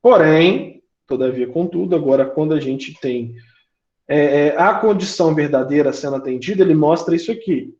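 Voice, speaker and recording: A man's voice: on the high side, normal speed, a little mellow. A man with a Brazilian Portuguese accent teaching a live online coding class, patient and full of questions to the class. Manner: patient, asks the class questions, many filler tags. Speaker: programming teacher. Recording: roomy, dull lo-fi sound.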